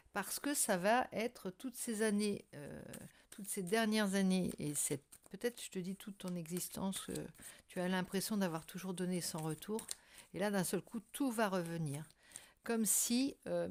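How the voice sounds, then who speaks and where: Low-pitched woman doing a tarot reading. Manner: hesitant, searching for words. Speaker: tarot reader and channel host. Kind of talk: casual tarot card reading to viewers.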